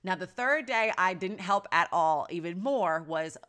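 A woman's voice: on the low side, lively intonation, measured pace, a bit bright. A woman in her thirties, a mother telling a personal story in a casual, earnest and reflective way, often restarting her sentences. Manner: earnest, reflective, with frequent restarts and "you know". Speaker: mother sharing parenting experience.

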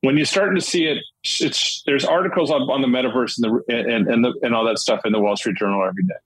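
Middle-aged man, husky voice, dry close sound, rambling interview guest, lots of restarts. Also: mid-range voice, quick pace, dry recording, poor audio. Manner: rambling, with many restarts and fillers. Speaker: guest, commercial real estate dealmaker. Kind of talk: casual interview storytelling.

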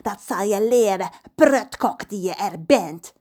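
A woman's voice: mid-range voice, lively intonation, slow pace, warm tone. A woman voicing an angry pirate captain in a children's audio story, threatening and scornful.

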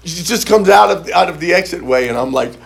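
Animated storytelling preacher man. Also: fairly high pitch, brisk, vocal fry. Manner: animated, repeats phrases for emphasis; frequent stammered restarts. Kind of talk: storytelling sermon.

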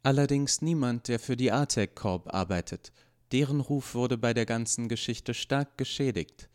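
A man reading as an earnest male android officer, speaking calmly and formally in a storybook. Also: medium pitch, normal speed, voice pushed up, close to an everyday voice. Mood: grave.

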